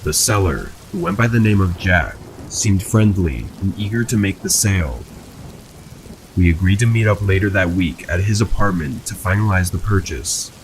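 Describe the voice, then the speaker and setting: A man narrating first-person horror stories in a calm, even, scripted storytelling manner. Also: sits low, moderate pace, a little hiss or hum, low-quality recording. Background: rain sounds.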